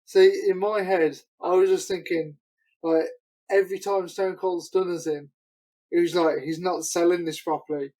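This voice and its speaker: A man co-hosting a podcast in relaxed, joking chat. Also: sits high, moderate pace, low-quality recording. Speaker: podcast co-host. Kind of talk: casual chat.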